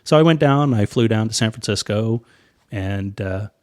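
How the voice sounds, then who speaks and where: Man, Northern Irish accent, lowish voice, lively storyteller, casual interview. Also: normal speed. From Northern Ireland. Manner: animated storyteller, acts out quoted voices with big pitch jumps. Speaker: airline pilot guest.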